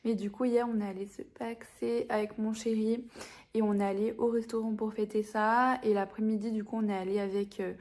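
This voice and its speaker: A woman's voice: medium pitch, flat delivery, brisk, darkish tone. A young adult woman chatting casually to a vlog audience in an informal, slangy way. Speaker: vlogger and business coach.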